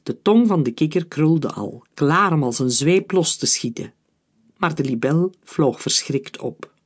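A man reading a children's adventure story aloud in a lively, dramatic way. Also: fairly high pitch, unhurried, slightly rough. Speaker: narrator.

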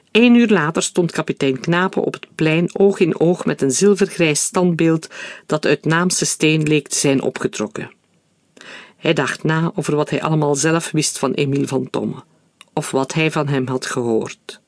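A man's voice: a little high, a little slow, no echo. Male storyteller with a dry sound. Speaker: narrator. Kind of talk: storybook reading.

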